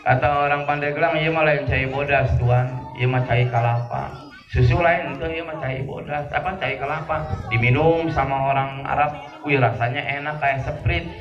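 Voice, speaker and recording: A man's voice: mid-range voice, fairly even intonation, moderate pace. A man preaching to a gathering with a Sundanese-inflected accent, telling a humorous story and acting out the dialogue. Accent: Sundanese-inflected Indonesian. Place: gathering hall with audience. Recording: roomy, distant, dull lo-fi with crowd.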